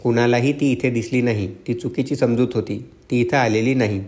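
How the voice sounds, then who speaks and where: A man voicing a gentle, earnest young man who answers softly and with worry, in an audiobook. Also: mid-range voice, steady tone, moderate pace, close to an everyday voice.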